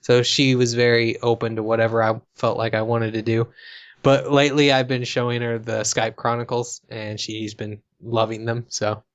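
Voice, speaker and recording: An American man co-hosting a casual podcast chat, easygoing and quick to laugh, talking in long musing turns. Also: mid-range voice, flat delivery, highs cut off. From United States. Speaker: co-host.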